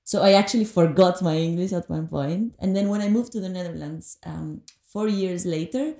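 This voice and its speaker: A mellow, fairly low-pitched woman from Greece, Greek by first language, talks reflectively as a podcast guest. Thoughtful and hesitant, she leans on many pauses and fillers. The recording has an echoey room sound.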